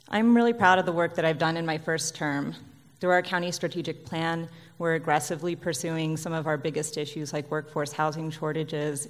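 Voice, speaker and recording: A woman running for re-election as county commissioner gives a prepared opening statement in an earnest, practiced way. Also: sits low. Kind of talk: prepared campaign speech. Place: auditorium hall. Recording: reverberant hall.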